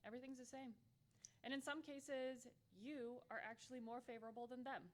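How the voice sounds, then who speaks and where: A woman's voice: on the high side, steady tone, fairly quick. A woman giving a conference workshop talk, candid and humorous with playful asides. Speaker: workshop presenter.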